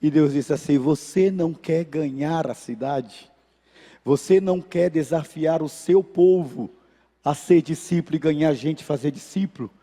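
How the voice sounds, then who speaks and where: A man preaching in a church, speaking with a Brazilian Portuguese accent. His voice sits high for a man, and he acts out the people in his story with lively shifts. The sound has a long reverb from the sanctuary. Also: normal speed. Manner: animated, acts out voices in anecdotes. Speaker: pastor. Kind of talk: sermon with storytelling.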